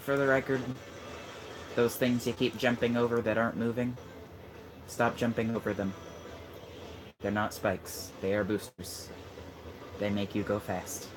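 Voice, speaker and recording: A man's voice: fairly low pitch, level tone, unhurried, pauses often. A man chatting casually over a video game, teasing and giving tips to the friend playing beside him. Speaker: gamer coaching a friend. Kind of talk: casual let's-play chat. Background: game music.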